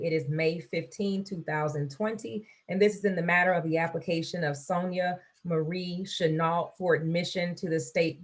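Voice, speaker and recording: Low-voiced woman judge on a court recording. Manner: measured, formal, calling each party for the record. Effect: courtroom hearing recording over a video call. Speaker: judge presiding over a virtual hearing. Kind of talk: formal on-the-record court proceeding. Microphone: video call.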